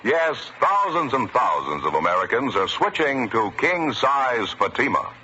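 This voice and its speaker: Forceful, swooping male radio pitchman. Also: very animated, measured pace. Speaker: announcer. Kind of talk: 1950s radio commercial read, emphatic. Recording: muffled vintage radio recording, faint noise.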